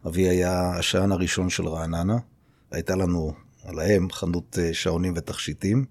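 Deep-voiced man, slow and hesitant. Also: little pitch movement, darkish tone, dry recording. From Israel. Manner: unhurried, many hesitation fillers. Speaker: podcast guest, city mayor. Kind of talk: conversational interview.

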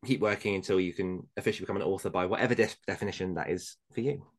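Male podcast host. Somewhat low voice, rapid casual delivery, emphatic repetition.

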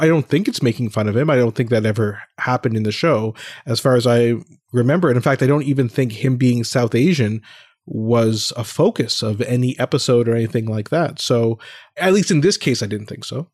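A male interviewer asks questions and chats casually, hedging his opinions. His voice is mid-pitched, and the recording is dry and close. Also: lively intonation, a little fast, a little mellow, no room sound.

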